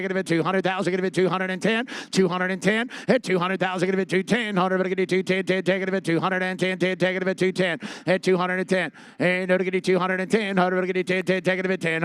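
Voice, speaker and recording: A male auctioneer rattles off bids in a very fast, repetitive chant. His high voice stays clear and resonant, circling on nearly the same note with filler words between the numbers. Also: dry recording. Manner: repetitive sing-song bid calling with filler words. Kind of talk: rapid rhythmic auctioneer chant, live car auction. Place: live auction over a PA.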